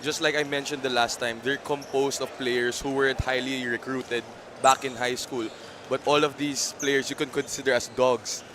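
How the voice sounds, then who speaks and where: A man's voice: mid-range voice, level tone, moderate pace. A man with a Filipino accent giving color analysis in a basketball broadcast. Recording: noisy basketball court behind.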